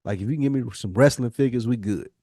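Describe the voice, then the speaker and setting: In studio-quality audio with no echo, a mellow, medium-pitched man in his forties talks at a quick pace. He's a podcast co-host sharing personal stories in casual chat, using slang and profanity and repeating phrases to stress points.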